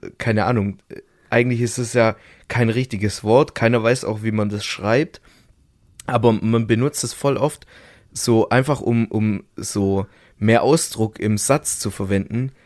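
A young man in relaxed podcast talk, drawing out his questions. His voice sits a little low, recorded close and dry. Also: unhurried, no echo. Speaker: podcast co-host. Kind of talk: casual chat.

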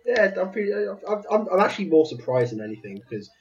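A man's voice: high voice, very animated, quick pace, highs cut off. A man who wins a podcast quiz and jokes dryly about retiring. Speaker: quiz contestant. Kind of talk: casual podcast chat.

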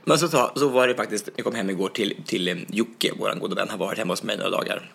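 Husky-voiced man telling a story. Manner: animated storyteller, acts out others' lines with high shouts. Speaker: podcast co-host. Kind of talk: casual podcast chat.

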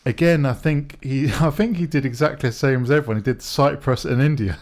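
A man co-hosting a casual podcast chat, pausing often with ums and laughing as he talks. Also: mid-range voice. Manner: hesitant, lots of ums and laughs. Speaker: podcast co-host.

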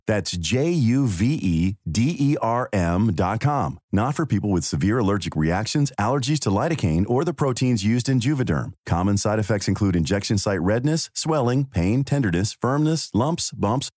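A man's voice: lowish voice, a little mellow, no echo, clean studio sound. A man reading a scripted commercial in a polished manner, reeling off the disclaimers. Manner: polished with fast-read disclaimers. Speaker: ad announcer.

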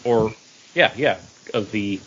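A podcast co-host talks in a casual, conversational style, his voice on the low side and his pace slow. The podcast audio is dull and lo-fi, with heavy background noise.

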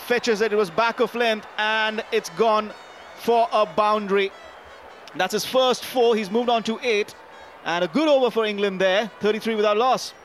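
A man's voice: sits high, normal speed, fairly bright tone, slight background noise. A man working as a cricket commentator, calling the action live ball by ball.

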